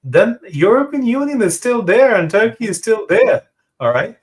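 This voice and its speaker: With a high-pitched voice that swings widely in pitch, a male host runs a political discussion at a moderate pace. His style is probing, and he frequently drops in short words of acknowledgement as his guest talks.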